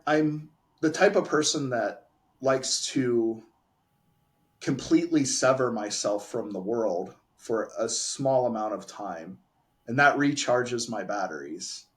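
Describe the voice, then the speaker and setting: A man's voice: mid-range voice, takes it slowly. A man, a pharmacy owner, giving candid and emphatic answers in a casual interview. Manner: candid, emphatic, restarts phrases.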